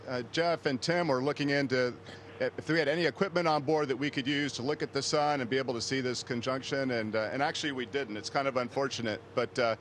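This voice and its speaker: A man's voice: medium pitch, fast talker. A man speaking as an astronaut, giving explanatory interview answers from inside a space station. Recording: steady hum of spacecraft machinery.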